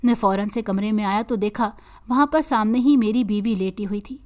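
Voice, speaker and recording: A woman storyteller reading a moral story in an earnest, steady way. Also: a little high, moderate pace. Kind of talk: scripted story narration.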